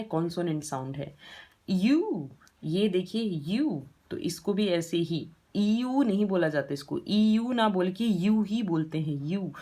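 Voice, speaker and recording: Indian woman, lowish voice, patient teacher, explains step by step, asks rhetorical questions. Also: mellow. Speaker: English grammar teacher. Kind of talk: classroom-style grammar lesson.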